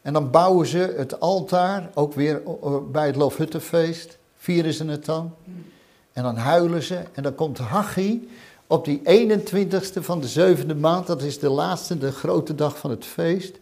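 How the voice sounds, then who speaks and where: A man's voice: on the high side, measured pace, a little mellow. A man preaching a sermon in an earnest, fervent way, often repeating his phrases.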